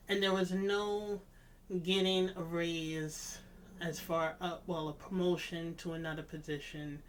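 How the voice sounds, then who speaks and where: A vlogger telling a personal story in a reflective, confessional way, with deliberate, halting phrasing and emphatic repetition. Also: mid-range voice, fairly bright tone, a little hiss or hum.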